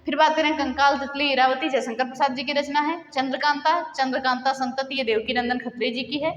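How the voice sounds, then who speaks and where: A female teacher leads an exam-prep lesson, briskly reading through a list and now and then quizzing her viewers with questions. Her voice is high, fairly bright, and fairly even in intonation. The lo-fi recording was made in an echoey room with long reverb.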